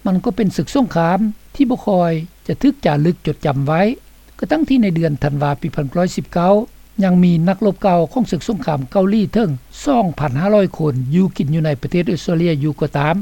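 A woman's voice: lowish voice, lively intonation, brisk, creaky, mellow, dry recording. A woman reading scripted documentary narration for a radio report. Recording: dull, slightly lo-fi, dry studio sound.

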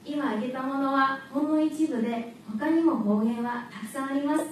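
A woman whose first language is not Japanese, giving a prepared contest speech in a clear, measured way to an audience. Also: high voice, slight background noise. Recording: echoey hall, distant mic, faint ambience.

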